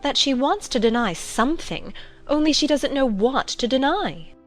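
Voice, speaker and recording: Feeble, dithery queen, played by a woman, fairly high and swooping, plaintive storybook acting. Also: animated, moderate pace, a bit bright, faint music behind.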